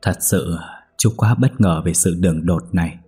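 A man voicing an older man who gently consoles a grieving family in a soft voice. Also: deep voice, moderate pace, husky, soft background music. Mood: consoling.

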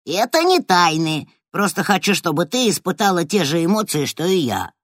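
A woman's voice: on the low side, very animated, normal speed, no room sound, clean studio sound. Woman voicing a smug playful rat. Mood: sly. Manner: eager, teasing, smug. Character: cocky male pet rat, playful and proud.

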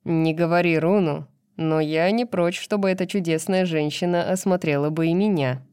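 A woman doing a joking fae man, flirtatious and teasing. His voice is low and mellow in a storybook reading with a dry, close sound. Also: normal speed, clear, resonant tone, no echo, close to an everyday voice.

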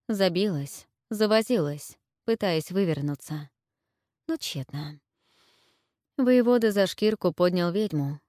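A woman narrating an audiobook in a measured, even storytelling manner. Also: on the low side, no room sound, clean studio sound.

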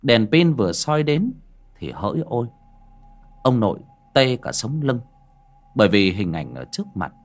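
A man narrating a spooky audiobook story in an expressive, dramatic way. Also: medium pitch, moderate pace, long pauses. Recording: faint music under the reading.

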